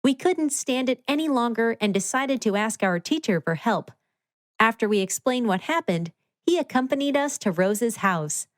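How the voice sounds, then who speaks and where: A woman narrating a scripted children's story in an expressive read-aloud manner. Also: a little high, normal speed, no room sound.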